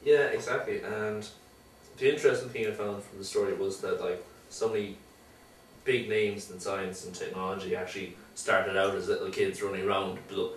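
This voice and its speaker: Male co-host, animated, mimicking; echoey room, distant mic, light hiss. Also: deep voice, moderate pace. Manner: animated, mimics voices in asides. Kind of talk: joking tech news chat.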